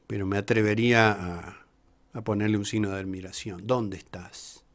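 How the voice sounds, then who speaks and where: Slow, deliberate priest teaching. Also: male voice, on the low side. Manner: slow and deliberate, pausing often, reading quoted verses aloud. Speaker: priest teaching a Bible class. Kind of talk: slow reflective Bible lesson.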